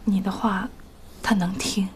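A woman's voice: medium pitch, level tone, a little slow, slight background noise, lightly acted. Woman playing a worried middle-aged mother. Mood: pleading. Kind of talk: TV drama acting.

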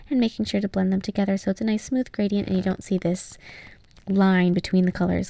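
A woman's voice: mid-range voice, creaky, mellow, no room sound. A young woman giving casual, step-by-step tutorial narration as the host. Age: young adult. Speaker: nail art tutorial host.

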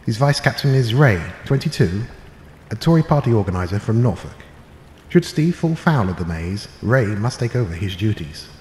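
A man playing a pompous, posh male game show host, presenting in a grand, slow, theatrical way. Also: fairly low pitch, very animated, darkish tone. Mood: grandiose. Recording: echoey roomy room with faint noise.

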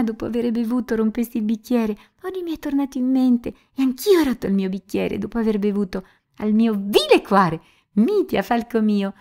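A woman's voice: a little high, vocal fry, dark tone, voice pushed up. A woman reading an audiobook and voicing a passionate, tearful young woman with a pleading, emotional manner.

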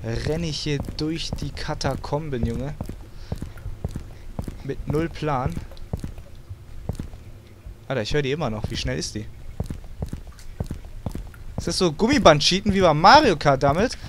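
A young man talks over a horror game, sarcastic and quick to swear, dropping English words into his talk. His voice sits a little high, and the home recording carries a clear layer of background noise. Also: animated. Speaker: let's play gamer.

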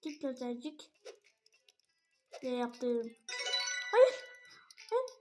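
A high-pitched woman narrating her gameplay live, quick to squeal and cry out at every slip. She sounds nervous and excited and trips over her words now and then. Faint game music hums underneath. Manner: excitable, frequent exclamations and squeals. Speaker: gaming channel host.

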